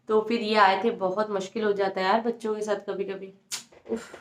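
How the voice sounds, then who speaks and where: A woman's voice: medium pitch, level tone, moderate pace. A young woman vlogger chatting casually to her viewers, often dropping English words into her talk. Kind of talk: casual vlog chat. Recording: echoey room.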